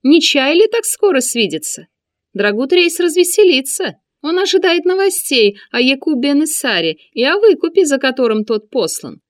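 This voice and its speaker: A shrill, squealing fat eunuch who mocks his captive with open contempt, as a woman reader puts him on. The voice is pushed high and sneering. It sits close and dry, with no room around it. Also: sing-song, moderate pace, no room sound. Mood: mocking. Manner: mocking, contemptuous. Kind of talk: audiobook character reading.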